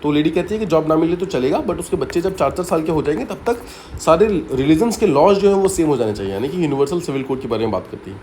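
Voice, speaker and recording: A man's voice: on the high side, expressive, fast talker, mellow, slight background noise. A man teaching exam students by telling a story, explaining step by step and often repeating key points with short English asides. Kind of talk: story-based mnemonic lesson.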